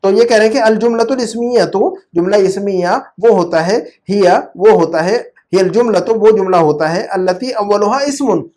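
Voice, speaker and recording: A man's voice: high-pitched, moderate pace, few pauses, a little mellow. A man teaching an Arabic grammar class, asking questions and repeating words for students to echo.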